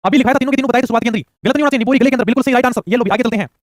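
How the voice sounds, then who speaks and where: A man runs through exam questions at breakneck speed. His voice sits high and he keeps pushing students to answer quickly. The recording is dry and close. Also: dry recording. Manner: rapid-fire, urging answers fast. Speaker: exam coaching teacher. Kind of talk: rapid quiz-style lesson.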